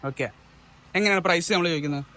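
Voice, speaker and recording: Male vlog host, Kerala accent, slightly high voice, Malayalam peppered with English, echoes and checks each detail conversationally. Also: quick pace, bright, forceful tone, a little hiss or hum. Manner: Malayalam mixed with English words; repeats answers back and checks with questions. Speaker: car showroom video host. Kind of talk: casual vlog interview about used cars.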